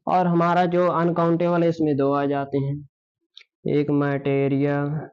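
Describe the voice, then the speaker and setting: A man's voice: a little high, steady tone, normal speed, smooth. A male English grammar teacher explaining a lesson, often asking rhetorical questions and answering them himself. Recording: dull lo-fi sound.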